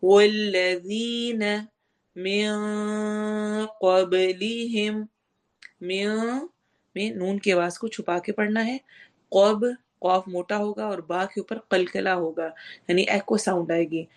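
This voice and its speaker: Woman teaching Quran recitation slowly. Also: mid-range voice, fairly even intonation. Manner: slow, drawn-out recitation between explanations. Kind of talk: online tajweed lesson.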